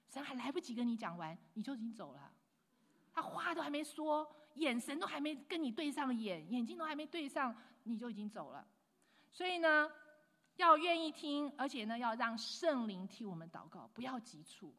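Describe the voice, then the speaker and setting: A woman preaches a sermon in a rather high voice, swinging from loud, emphatic lines to hushed asides. She slips English phrases into her talk. Her voice rings out with a long reverb, as in a large church hall.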